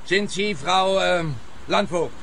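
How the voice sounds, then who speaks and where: An actor playing a petty, exasperated police detective in a radio crime comedy, with a sarcastic, blustering manner. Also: male voice, high voice, slow, fairly bright tone, a little hiss or hum, full character voice. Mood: sarcastic, officious.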